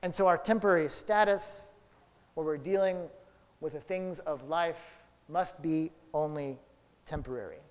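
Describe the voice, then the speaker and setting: A man preaching a sermon, telling a childhood story and then drawing Bible lessons from it, with big swings between loud and soft. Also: a little high, unhurried. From Houston area. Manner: storytelling, dramatic swings in loudness. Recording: long hall reverb.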